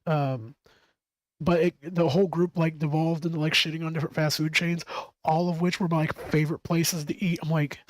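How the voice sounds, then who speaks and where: A man's voice: fairly high pitch, flat delivery, brisk, no echo, low-quality recording. A man chatting casually on a stream, rambling and swearing freely with frequent laughs. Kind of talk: casual chat.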